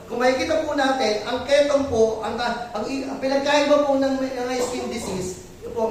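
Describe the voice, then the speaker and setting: A man preaching a sermon, with a strikingly high voice that rings around a big echoey church hall. He stands away from the mic, and a faint hiss runs under his words. He keeps checking in with his listeners through gentle rhetorical questions. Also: far from the mic. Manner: polite preaching with frequent rhetorical questions to the congregation. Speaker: pastor.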